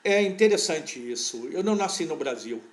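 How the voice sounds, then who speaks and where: Speaking as an interview guest, this veterinary parasitology professor, an older man born in Portugal and brought up in Brazil, tells relaxed stories from his past. His pitch is fairly high, and his recollection wanders at an easy pace with frequent restarts.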